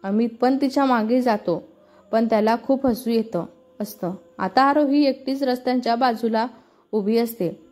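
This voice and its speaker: A woman narrating a scripted story in a steady, even reading manner. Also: fairly high pitch.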